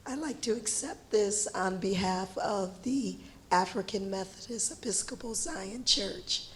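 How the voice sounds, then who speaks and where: Woman, pastor, hoarse voice, mid pitch, short acceptance speech. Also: unhurried, slight background noise, poor audio.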